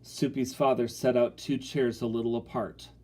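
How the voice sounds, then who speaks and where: A man narrating an audiobook in an even storytelling manner. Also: mid-range voice, normal speed.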